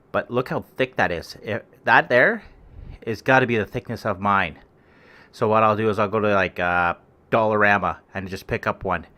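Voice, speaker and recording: A man's voice: fairly low pitch, pushed and bright. A man, rambling offhand and crude as he demonstrates a homemade microphone cover in his living room. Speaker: vlogger testing gear. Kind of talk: casual home demo. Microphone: close desk microphone with homemade foam cover.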